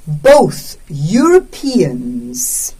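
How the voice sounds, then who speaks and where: Woman, lowish voice, slightly husky, dictation reading, deliberate short phrases, teacher. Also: wildly swooping pitch, dark tone, far from the mic. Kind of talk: slow dictation, reading text aloud with punctuation spoken.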